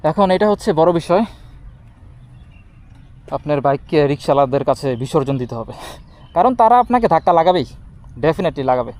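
A man's voice: fairly high pitch, expressive, brisk, long pauses, a little mellow. A man with a Bangladeshi accent giving a casual vlog explanation to viewers, speaking from inside a helmet. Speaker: motorbike vlogger. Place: outdoors by a city road. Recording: light outdoor street and vehicle noise.

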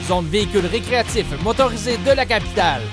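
A man's voice: high voice, expressive, quick pace, music in the background. A man reading a punchy promotional announcement for an auto show. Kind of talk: radio-style event advertisement.

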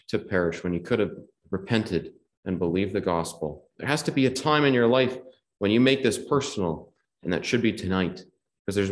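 A man of middle pitch preaches an earnest gospel sermon, circling back to the same phrases and quoting scripture in old-fashioned wording. The voice rings in a roomy, echoey hall.

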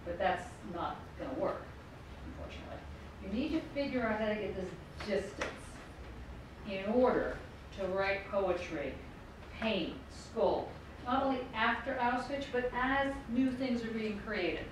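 A middle-aged American woman, a professor, lectures in a university lecture room with a medium-pitched, lively voice, speaking a little slowly. Her manner is conversational and wry, and she keeps circling back to her points. A far-off room mic picks her up, so the recording is echoey, distant, and has background noise.

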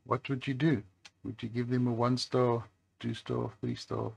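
A phone repair channel host with a low, breathy voice and some vocal fry chats slowly and casually to the camera while working at his workbench beside a highway. He's relaxed, pausing and hesitating a lot.

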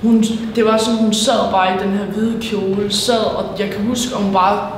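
A young woman with a high voice talks loosely and repeats herself as she describes what she saw. She sounds far from the mic. Heavy room echo and a clear hiss fill the recording. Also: little pitch movement. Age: young adult. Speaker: interviewee. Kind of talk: casual interview. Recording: distant, very echoey hall with hiss.

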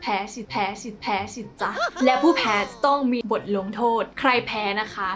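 A woman's voice: fairly high pitch, moderate pace, over music. A woman from Thailand with a Thai accent, hosting her vlog in a chatty, playful way. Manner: chatty and playful, often laughing. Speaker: host. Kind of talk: bubbly vlog chat.

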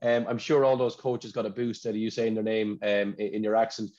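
This is an Irish man hosting an awards night over a video call. He is chatty and warm in his delivery, and he stumbles and repeats words as he goes. The audio is dull and lo-fi, like a laptop connection. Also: lowish voice, little pitch movement, a little fast. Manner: chatty, repeats words when searching for them. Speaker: awards ceremony host.

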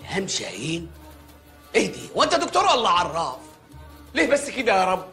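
A boastful, fussy village mayor rattles along at a breakneck clip in an Egyptian accent. His voice sits very high for a man and rings bright and sharp. He blusters loudly, all comic bravado. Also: wildly swooping pitch, gravelly, soft background music, heavily acted. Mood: bewildered. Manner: rapid, loud comic bluster. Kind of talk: comedic film acting.

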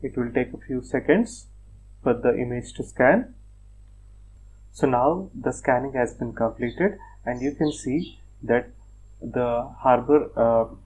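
A man presenting a screen-recorded software tutorial, talking step by step in a plain, methodical way with frequent fillers like "uh" and "like". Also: medium pitch, slight background noise, rough recording. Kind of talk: screen-recorded technical walkthrough.

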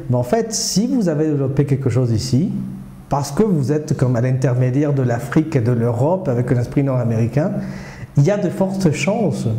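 This is a South American man in his forties, a startup accelerator director, answering interview questions in a small indoor studio while seated before a screen, with a lapel mic. His warm, mid-range voice is hesitant, full of fillers and restarts, yet earnest and persuasive as he gestures with his hands. The recording has a roomy echo.

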